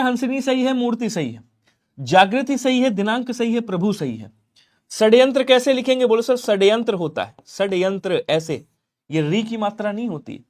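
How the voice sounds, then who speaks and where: A young adult man teaching Hindi spelling for an exam-prep class, lively, quizzing students and answering for them. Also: high-pitched.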